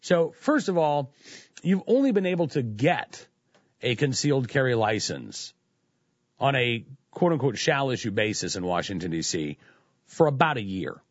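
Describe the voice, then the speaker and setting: A man's voice: mid-range voice, big pitch swings, normal speed, no echo. Guy doing talk radio commentary, sarcastic and chatty, dry kinda dull sound. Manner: sarcastic, conversational, with frequent restarts. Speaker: radio talk show host.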